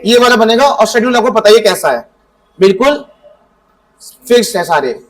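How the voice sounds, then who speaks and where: Male teacher, very high voice, mic set back from him, quizzes his class as he explains. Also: expressive, normal speed, far from the mic, low-quality recording. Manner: explains by asking the class questions and answering them himself. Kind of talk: classroom lecture.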